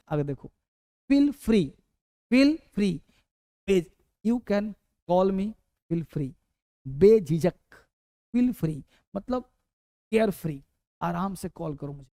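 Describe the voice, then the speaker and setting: A man's voice: high voice, mellow, no room sound, studio quality. A man teaching spoken English in a lesson, repeating short phrases and asking questions he answers himself. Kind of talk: classroom-style lesson.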